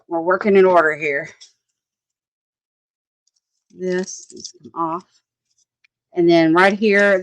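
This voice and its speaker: A woman's voice: lowish voice, no room sound, poor audio. A woman, chatting casually as she works on a craft project, thinking aloud, often laughing, and answering viewers' comments. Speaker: crafting livestream host.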